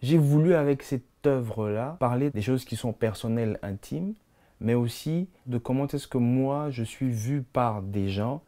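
In a documentary interview in his studio, a visual artist in his thirties, born and raised in Congo, reflects on his art with expressive hand gestures. He speaks at medium pitch and a measured pace.

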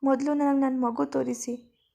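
A woman's voice: high voice, flat delivery, moderate pace, gravelly. A woman voicing a distraught young mother who cries and begs for her baby. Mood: frantic. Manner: frantic, pleading, loud.

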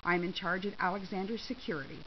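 A woman reading a story, voicing a pompous little male security manager in a lower, quieter official tone. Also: quick pace, close to an everyday voice. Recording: slightly dull with faint hiss.

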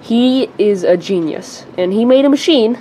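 A girl playing a rambling excited kid brother. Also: a little high, moderate pace, a little hiss or hum, lightly acted, poor audio. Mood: chatty. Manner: rambling, full of "like" and restarts.

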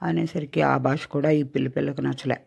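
An older woman telling a children's story as a grandmother, in a gentle, coaxing tone. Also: sits low, fairly even intonation, a little fast, creaky, slightly rough. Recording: dull lo-fi recording.

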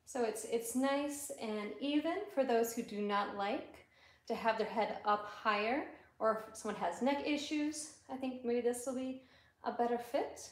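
Hosting a livestream from a small indoor salon with barber chairs, a woman in her thirties speaks with an Upper Midwest American accent, chatty and giggly as she does a slow show-and-tell. Her pitch is fairly high. The camera sits a few feet off, and the room sounds echoey with a bit of faint noise.

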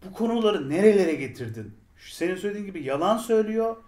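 A man's voice: high voice, lively intonation, fast talker, darkish tone. A man co-hosting a casual review chat, ranting in an exasperated way. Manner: exasperated ranting, addresses the writer directly. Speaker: podcast co-host. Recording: roomy echo.

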